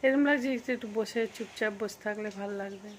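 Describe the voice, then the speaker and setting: A woman's voice: mid-range voice, fast talker. A woman talking casually through her home cooking, rambling with fillers and asides while she has a cold, in a home kitchen. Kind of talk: casual cooking vlog chat. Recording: faint background noise.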